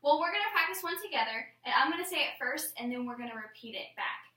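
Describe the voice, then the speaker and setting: A woman's voice: sits high, lively intonation, quick pace, sharp tone. A woman teacher leading a classroom lesson, explaining patiently step by step. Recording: roomy classroom, mic far off.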